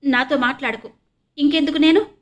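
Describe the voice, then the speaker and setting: A woman's voice: sits high, fast, bright, forceful tone, dull audio. A woman voicing a proud, hot-tempered young woman who scolds sharply and breaks into sobs. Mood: sobbing.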